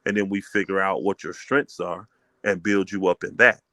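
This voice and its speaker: A middle-aged man with a lowish voice, talking in an emphatic, preacherly way. He keeps checking "you know what I mean" as he explains. The sound is dry and close, with no room around it. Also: flat delivery, moderate pace, pushed and bright, no room sound. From Fort Wayne, Indiana, US. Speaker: community elder, homeschool leader. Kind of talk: casual call-in chat.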